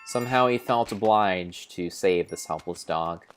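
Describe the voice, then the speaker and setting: Narrating a game playthrough, a deep-voiced man spins it into an improvised heroic epic, hamming up the solemn drama. He pauses for effect and occasionally fixes a word mid-line as faint music plays in the background.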